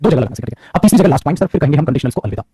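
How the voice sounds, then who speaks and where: A male teacher giving an animated grammar lecture to students, talking fast and calling them beta. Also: a little high, husky.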